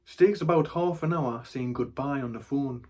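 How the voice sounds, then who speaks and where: A man's voice: medium pitch, normal speed, darkish tone. Wry man. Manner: wry, dry storytelling. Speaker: actor. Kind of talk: theatrical monologue.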